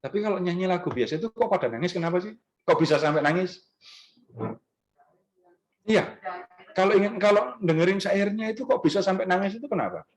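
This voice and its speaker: Lively man quizzing a church audience. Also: sits high, a little fast, pauses often, rough recording. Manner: conversational, quizzes the audience with questions; animated, rising emphasis on key words. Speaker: speaker at a parish gathering. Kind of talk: Easter talk to a church group. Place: restaurant function room.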